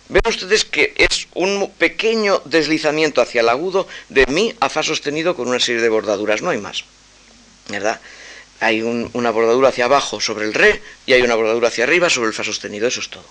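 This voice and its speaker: A man lectures on his own opera with a bright, clear-edged voice. He talks at a medium pitch, weighing each phrase analytically. Small hesitant fillers break up his explanations. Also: lively intonation. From Spain. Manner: measured and thoughtful, hesitant fillers between phrases.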